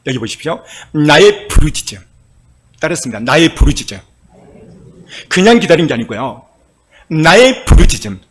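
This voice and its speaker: A male pastor preaching a sermon with passion, moving from soft, quiet passages to loud cries. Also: on the high side. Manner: impassioned preaching, swinging from soft to shouting.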